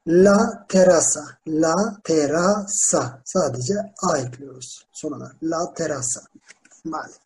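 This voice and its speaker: A teacher giving a slow Spanish lesson in a classroom, spelling words out letter by letter with town names and repeating verb forms. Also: medium pitch, a little mellow, a little hiss or hum. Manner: drills verb forms slowly and repeats them. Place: classroom with students.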